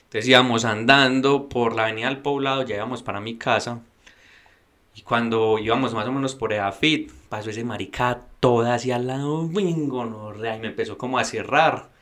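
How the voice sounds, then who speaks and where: A young man with a Medellín accent telling a story on a casual podcast, slangy and animated, acting out what people said. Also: mid-range voice, normal speed. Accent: Medellín Colombian Spanish. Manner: slangy, animated, acts out quoted voices. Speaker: podcast co-host.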